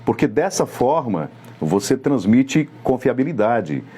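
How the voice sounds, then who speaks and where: A middle-aged man with a Brazilian Portuguese accent, giving a live lecture as a communication coach in a measured, didactic way, speaking straight to the listener. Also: mid-range voice, very animated, warm tone, breathy edge.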